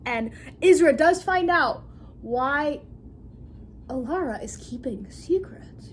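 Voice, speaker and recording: A young book vlogger recaps a book casually, giggling and rambling, often breaking into laughter. Her voice sits high, animated, at a slow pace.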